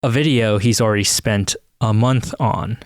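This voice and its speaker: A man's voice: fairly low pitch, moderate pace, no room sound, studio quality. A man hosting a podcast, narrating in a scripted, wry and self-deprecating way. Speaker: podcast host.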